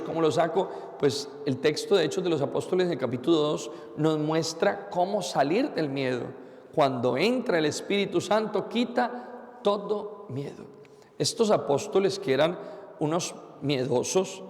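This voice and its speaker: Gravelly-voiced priest preaching in a reverberant church. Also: male voice, on the high side, darkish tone. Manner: earnest preaching with rhetorical questions and repeated phrases. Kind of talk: sermon.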